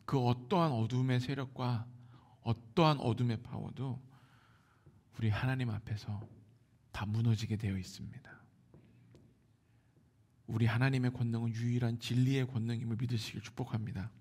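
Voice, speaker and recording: A man with a Seoul Korean accent preaching a Sunday sermon, moving between hushed near-whispers and loud exclamations. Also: mid-range voice, fairly even intonation, moderate pace, long pauses, slightly rough. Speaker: pastor.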